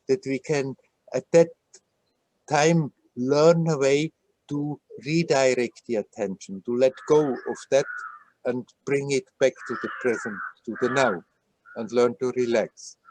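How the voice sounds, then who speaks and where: A man speaks over a video call in a fairly high voice. He guides listeners gently and laughs often, and he likes to repeat words playfully. The sound is close and dry. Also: dry recording, low-quality recording. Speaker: spiritual teacher. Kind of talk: satsang talk on a video call.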